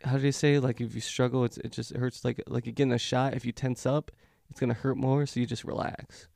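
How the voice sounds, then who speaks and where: Gravelly man in natural unscripted chat. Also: medium pitch, level tone, fairly quick, darkish tone, dry recording, studio quality. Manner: rambling, self-deprecating, profane. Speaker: podcast co-host.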